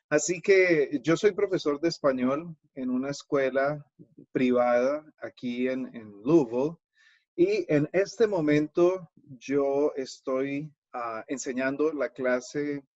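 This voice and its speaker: A man's voice: mid-range voice, darkish tone. A man hosting a live online webinar as a Spanish teacher. He explains patiently and speaks directly to his viewers over a video call. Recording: dull lo-fi video-call audio.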